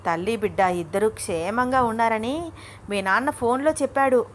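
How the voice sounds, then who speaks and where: A woman's voice: fairly high pitch, moderate pace, a little hiss or hum, lightly acted. A woman doing a scolding old granny. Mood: teasing, chatty. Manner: scolding, calls her girl names. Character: bossy loving old grandmother.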